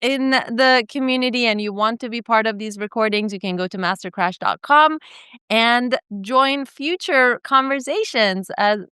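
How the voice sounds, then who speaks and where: A woman's voice: fairly high pitch, moderate pace, sharp tone, clear, resonant tone, dry recording, studio quality. A woman co-hosting an interview over a video call, upbeat and moderating. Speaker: co-host.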